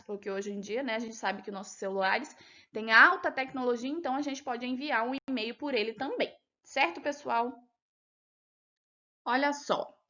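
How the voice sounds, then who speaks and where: A woman's voice: sits high, a bit bright, lo-fi sound. A woman teacher with a Brazilian Portuguese accent patiently goes over a test with young pupils step by step, often checking that they follow. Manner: patient, explains step by step, asks checking questions. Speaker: primary school teacher. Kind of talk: recorded lesson going over a test.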